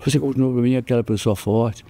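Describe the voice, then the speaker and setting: An older man with a Brazilian accent, a jiu-jitsu master telling animated stories in an interview, jumping up in pitch when he quotes people. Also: fast, a little hiss or hum. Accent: Brazilian Portuguese. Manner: animated, acts out quoted voices with jumps in pitch. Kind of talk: storytelling in casual interview.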